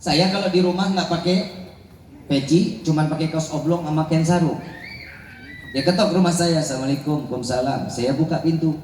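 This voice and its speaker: A man's voice: on the high side, fairly even intonation, moderate pace, long pauses, a little mellow, slight background noise. A man preaching, telling a humorous story with slangy asides and Arabic phrases, and calling out to the crowd for answers. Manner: calls out to the crowd for responses. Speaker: preacher at a religious gathering. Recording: echoey hall with long reverb, faint ambience.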